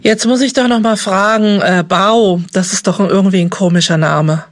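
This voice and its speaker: A woman's voice: mid-range voice, fairly even intonation, normal speed, no echo. A woman hosts a podcast interview and asks her questions in a friendly, casual way. The recording is dry and close, with no room sound.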